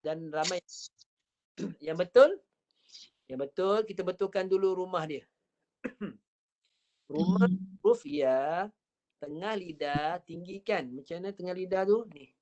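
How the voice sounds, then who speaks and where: A woman with a Malaysian accent teaching Quran recitation over a video call. She demonstrates each sound slowly and repeats it patiently. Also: low-pitched, a little mellow. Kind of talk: online tajwid lesson.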